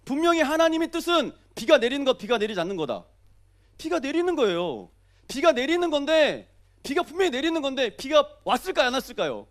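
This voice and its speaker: A young man preaches at a rapid clip, his high voice leaping up and down as he jokes. He keeps firing questions at the congregation and answering them himself. The delivery is lively and playful. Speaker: pastor. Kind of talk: early-morning sermon.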